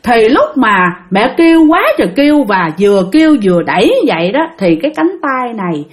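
A woman's voice: a little high, big pitch swings, a little fast. A young woman telling a ghost story in a chatty way, talking straight to her listeners. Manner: chatty, addresses listeners directly.

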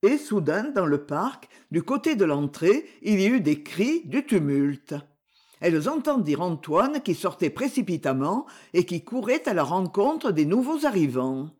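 An audiobook reader narrating a short story in an expressive way, with dramatic pauses. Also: mid-range voice.

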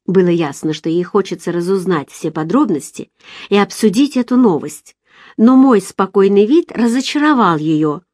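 A woman reading a novel aloud in the first person, calm and measured. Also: medium pitch, dry recording, studio quality. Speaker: audiobook reader. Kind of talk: first-person literary narration.

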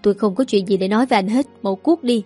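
A woman's voice: medium pitch, fast, darkish tone, husky, soft background music, close to an everyday voice. A woman voicing a pleading, frightened young woman. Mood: distraught. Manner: pleading, anxious. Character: frightened young woman student, pregnant, tearful.

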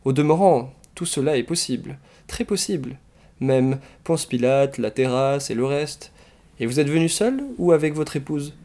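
A man reading the part of a flustered, nervous man who humors a stranger, agitated and ingratiating, in a warm low-toned voice. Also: moderate pace, natural voice.

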